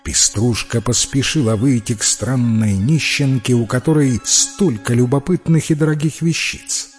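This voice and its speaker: A man narrates a fairy tale in a calm, expressive reading voice of medium pitch. The storybook narration flows steadily over a faint music bed. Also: moderate pace. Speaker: audiobook reader.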